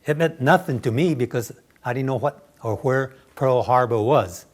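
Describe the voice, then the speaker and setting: A man's voice: medium pitch, moderate pace. A man in his nineties from Los Angeles, telling childhood memories in a wry, storytelling way. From Los Angeles, USA. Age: 90s. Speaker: interviewee. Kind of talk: reminiscing interview.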